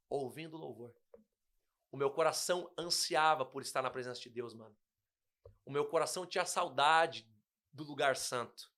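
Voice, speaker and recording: A man's voice: fairly high pitch, fairly bright tone. A young man, a pastor, telling a personal testimony in casual conversation, emotional and acting out the dialogue. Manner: emotional storytelling, acts out dialogue. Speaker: guest pastor.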